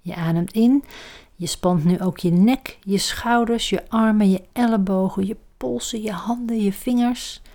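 Slow, soft-spoken woman guiding relaxation. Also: mid-range voice. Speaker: yoga relaxation guide. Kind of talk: guided relaxation instruction.

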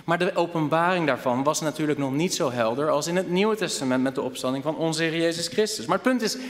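Animated preacher guy, kinda high voice, sermon in a big echoey church hall. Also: quick pace. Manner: animated, addresses the congregation with rhetorical questions.

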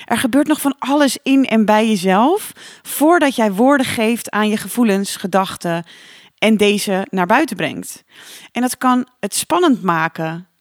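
A woman hosting a solo podcast as a coach, talking in a calm, reflective and encouraging way with the odd filler sound. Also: fairly high pitch, no room sound, studio quality.

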